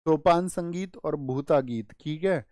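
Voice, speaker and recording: A male exam-prep teacher giving an online lesson, asking students quick questions and teaching memory tricks with little stories. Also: fairly high pitch, darkish tone, no room sound, clean studio sound.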